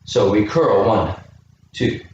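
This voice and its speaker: Man coaching kids through a workout, unhurried, far from the camera mic in a very echoey room. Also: lowish voice, a little mellow, lo-fi sound. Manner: encouraging, counts reps aloud, asks kids questions. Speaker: youth fitness coach. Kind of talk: home workout class for kids. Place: indoor room with a chair. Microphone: camera microphone from a distance. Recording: very echoey room, distant mic, faint noise.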